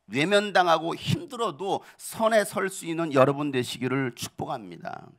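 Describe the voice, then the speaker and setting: A middle-aged male pastor delivers a sermon, posing rhetorical questions to the congregation and hammering home his points with mounting emphasis. His voice is fairly high and fairly bright, with lively intonation at a moderate pace.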